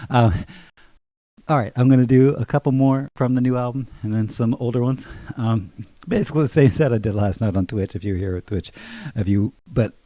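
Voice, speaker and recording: A man's voice: medium pitch, dark tone, no room sound. A man musician chatting casually between songs on a live stream, easygoing and rambling with a self-amused tone.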